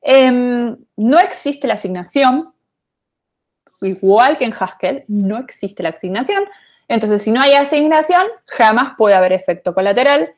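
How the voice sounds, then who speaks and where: A woman's voice: fairly high pitch, animated, unhurried. A woman giving an online programming lecture, chatty and thinking aloud with many fillers. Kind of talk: online lecture, casual explanation.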